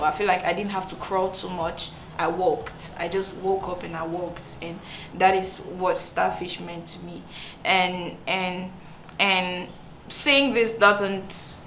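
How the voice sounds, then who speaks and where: A woman's voice: fairly low pitch, fairly bright tone, slight background noise. A woman from Cameroon, a singer talking earnestly about her career, often restarting and repeating words. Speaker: singer and songwriter. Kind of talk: to-camera interview talk. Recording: echoey room with music underneath.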